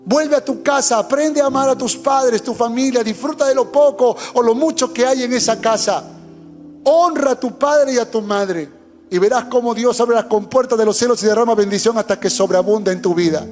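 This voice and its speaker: A man's voice: extremely high pitch, normal speed, a little mellow. A man preaching a sermon as pastor, fervent and urging, sharing his testimony. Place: church hall. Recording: long hall reverb with faint music.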